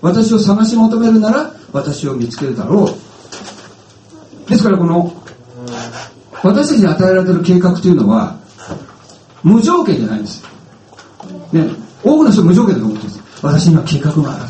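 Middle-aged pastor guy, chatty sermon, high lively voice, sounds far off in a roomy echo. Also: normal speed, pauses often, a little hiss or hum. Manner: chatty, animated, asks the audience questions. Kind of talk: casual sermon with film anecdote. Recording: echoey room, voice from a distance.

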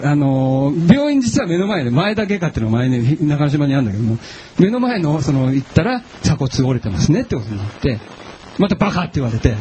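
A male pastor delivering a sermon in a conversational, storytelling way, often turning to the audience with questions. His voice sits a little high for a man and swings widely and expressively in pitch. There is a faint ambient hum behind him. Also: low-quality recording. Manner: chatty and animated, asks the audience questions. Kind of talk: sermon with personal stories.

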